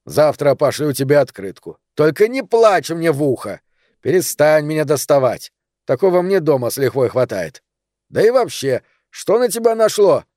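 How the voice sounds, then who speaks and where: A man's voice: on the high side, big pitch swings, normal speed, a little mellow, no room sound, clean studio sound. A man voicing a blunt, cowardly male friend who scolds and swears impatiently. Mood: exasperated.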